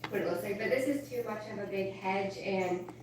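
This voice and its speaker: A woman's voice: mid-range voice, fairly quick, distant mic. Woman, casual garden chat, rambling, self-interrupting, very roomy sound. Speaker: gardening vlogger. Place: outdoors in a garden. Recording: roomy sound from off-mic with clear background noise.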